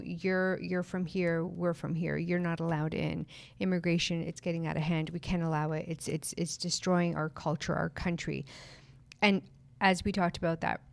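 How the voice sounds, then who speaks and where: A woman co-hosting a podcast, speaking agreeably and backing up her partner in casual conversation. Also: fairly low pitch. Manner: agreeable, backs up with quick affirmations. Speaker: podcast co-host.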